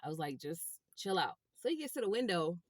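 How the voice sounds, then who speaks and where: A woman's voice: lowish voice, brisk, dry recording, studio quality. Chatty woman telling a story. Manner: animated, chatty, addresses viewers as y'all. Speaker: rideshare driver vlogger. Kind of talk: casual storytelling to viewers.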